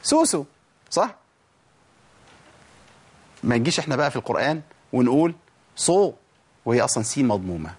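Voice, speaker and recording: A man with an Egyptian Arabic accent teaching Quran pronunciation. He asks himself rhetorical questions and demonstrates sounds slowly, repeating them over and over. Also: mid-range voice, sing-song, a little mellow, slightly rough. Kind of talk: tajweed lesson.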